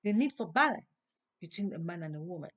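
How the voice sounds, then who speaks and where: Hosting an inspirational monologue, a woman with a non-native English accent speaks slowly and deliberately in a preacher-like way. Her voice sits on the low side with lively intonation, rising on the words she wants to emphasize.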